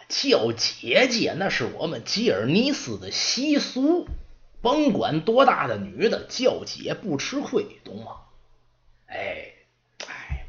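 A man voicing an old male butler who scolds in a slow, drawling way. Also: high voice, fairly bright tone, muffled recording, voice pushed up, exaggerated voice. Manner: drawling scolding, Beijing slang. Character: grumbling old male butler, dry-humored.

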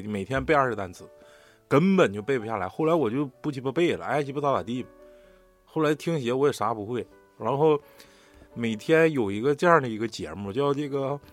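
Animated northeastern Chinese man. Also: medium pitch. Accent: Northeastern Mandarin. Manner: animated, profane storytelling. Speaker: podcast co-host. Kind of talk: casual podcast chat.

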